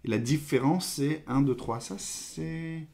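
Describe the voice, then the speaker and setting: A man's voice: fairly high pitch, slow pace, dark tone. A man hosting a live coding stream, thinking aloud with hesitations and trailing phrases while he tests code and reads viewer questions.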